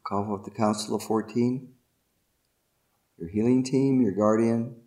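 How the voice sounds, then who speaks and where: Male meditation guide, lowish pitch, very slow ceremonial delivery with short, deliberate phrases. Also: steady tone, mellow.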